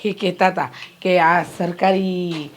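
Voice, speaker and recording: A woman's voice: on the low side, fairly even intonation, slow pace, a little hiss or hum. A middle-aged woman playing a worried mother who scolds and fusses over her daughter in a short film drama. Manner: fretful, nagging, complaining.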